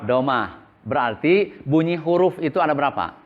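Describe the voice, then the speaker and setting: Lively teacher quizzing his class. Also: on the high side, moderate pace, phone-quality sound. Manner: repeats questions and answers them himself. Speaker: Islamic boarding school teacher. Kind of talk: classroom lesson with call-and-response questions.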